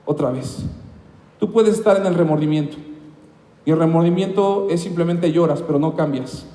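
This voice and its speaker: A male pastor preaching an impassioned sermon, swinging between loud highs and quiet lows. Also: normal speed, roomy sound, in a large hall. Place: church.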